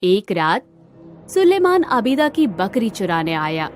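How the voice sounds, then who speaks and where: A woman narrating a children's moral story in a calm, measured way. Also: medium pitch, soft background music.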